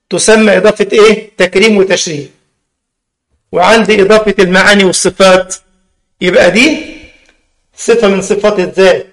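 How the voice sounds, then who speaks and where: A man with an Egyptian accent giving a religious lesson in a mosque. He keeps asking his listeners questions and draws out key words slowly. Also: sits high, fairly bright tone. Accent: Egyptian Arabic. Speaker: religious teacher. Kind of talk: mosque lesson in plain colloquial speech.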